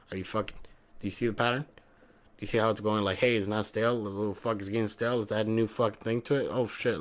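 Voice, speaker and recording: A young man talks through a game review in a loose, rambling way. His voice sits a bit low, and he swears freely. He keeps stopping to correct himself mid-sentence. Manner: rambling, profane, self-correcting.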